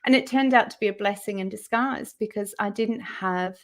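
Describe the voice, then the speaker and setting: A woman in her forties, a guest recounting her career story in a conversational interview over a video call, jumping up high in pitch whenever she quotes someone. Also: moderate pace. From Australia. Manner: animated, raises her voice high when quoting people.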